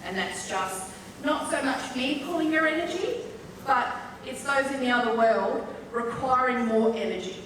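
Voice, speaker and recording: On stage in a large, echoey festival hall, an English-accented medium gives a chatty live demonstration talk, joking with the audience and explaining between laughs. Her voice sits high, animated and a bit bright at a moderate pace. The mic is far off, picking up room echo and faint hiss.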